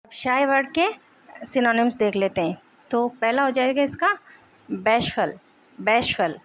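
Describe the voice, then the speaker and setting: A young woman with a high-sitting voice teaches English vocabulary in Hindi, saying each word slowly and explaining what it means.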